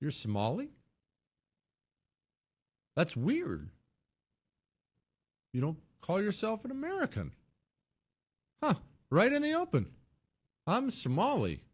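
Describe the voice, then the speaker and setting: Mocking lively-voiced commentator. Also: mid-range voice, slow pace, long pauses, slightly rough. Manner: mocking, laughing asides.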